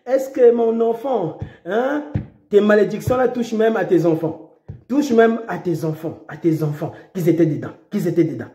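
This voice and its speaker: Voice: mid-range voice, expressive, normal speed, mellow, roomy sound. A preacher delivering an impassioned sermon, repeating phrases and breaking into dramatic cries.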